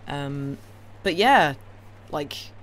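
A woman with a low voice stretches out her words as she hosts a livestream, reading classic novels aloud and chatting to her audience in a rambling, casual way. She comes across as wry, opinionated and enthusiastic. The audio is poor, with clear, steady background noise.

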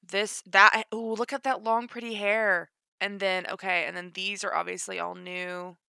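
A woman reacting to a game trailer, gushing and excitable, gasping often. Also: mid-range voice, moderate pace, creaky, clear, resonant tone, no echo. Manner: gushing, excitable, frequent gasps. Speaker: gaming youtuber. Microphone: home desk mic, no face cam.

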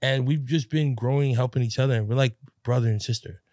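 A man's voice: medium pitch, quick pace, a little mellow, dry recording. Brief: male podcast host, easy interview tone, dry close mic. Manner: frequent "right" backchannels, friendly questions.

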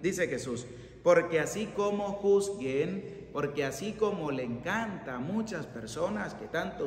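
A man's voice: a little high, a little hiss or hum. A middle-aged man preaching a sermon as a priest, earnest and emphatic, recorded in a church chapel by a fixed camera. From Venezuela. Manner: earnest preaching, emphatic and rising on key warnings. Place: church chapel by an ornate altar. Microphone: fixed camera at mid distance. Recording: echoey church with long reverb, faint ambience.

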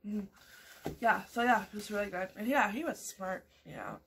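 A woman in her thirties from Canada sits in a small room at home with her morning coffee, casually chatting to her webcam for her vlog. She rambles, using many fillers and restarts, in a slightly bright medium-pitched voice at moderate pace, with slight background noise.

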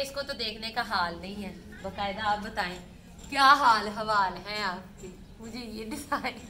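A chatty Pakistani vlogger films herself at home on her phone, going in and out of doors and talking to viewers in one breath, with "theek hai" coming up again and again. Her voice is on the high side, pushed and bright. The recording sounds echoey, with faint ambience and slight background noise.

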